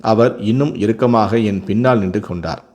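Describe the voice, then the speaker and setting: A man's voice: fairly low pitch, moderate pace, darkish tone. A man narrating a scripted first-person family story, reading steadily with occasional self-corrections.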